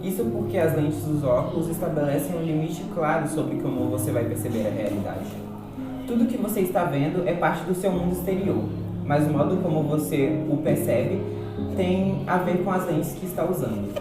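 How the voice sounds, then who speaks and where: In a student radio drama, a Brazilian actor plays a patient philosophy teacher who explains ideas didactically. His slightly high, expressive voice moves at a moderate pace and sounds close to everyday speech. The recording is very echoey and distant, with loud music behind him.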